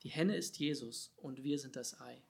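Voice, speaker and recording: A man preaching a sermon, swinging between loud emphatic calls and quiet, low asides. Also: moderate pace, gravelly.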